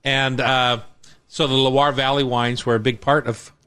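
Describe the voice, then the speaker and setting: A man's voice: mid-range voice, flat delivery, unhurried, pushed and bright, smooth. A man hosting a casual radio cooking show, teasing and easygoing with his guest chef. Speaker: radio host.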